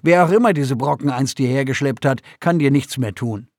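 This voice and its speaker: A man doing a patient, gently amused father. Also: mid-range voice, fairly quick, no room sound, clean studio sound, lightly acted. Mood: reassuring. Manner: calm, explanatory, fatherly.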